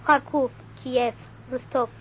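A woman's voice: high voice, fairly even intonation, muffled recording, slight background noise, natural voice. A woman reading a blunt Russian cavalryman. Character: blunt male Russian cavalry soldier on the march.

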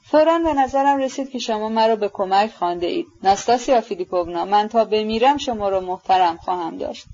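A woman voicing a gentle, earnest young prince who speaks softly and with sympathy, in an audiobook. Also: mid-range voice, lively intonation, muffled recording. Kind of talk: audiobook character reading.

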